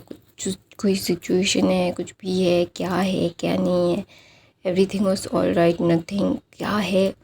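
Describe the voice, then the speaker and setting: A woman's voice: medium pitch, gravelly, mellow, a little hiss or hum. A woman casually retelling a fan story in a chatty, repetitive, hesitant way.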